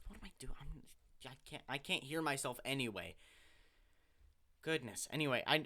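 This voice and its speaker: Bright-voiced man rambling over gameplay. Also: mid-range voice. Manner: rambling, self-correcting, chatty. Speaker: gaming channel host. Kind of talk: casual voiceover commentary on gameplay.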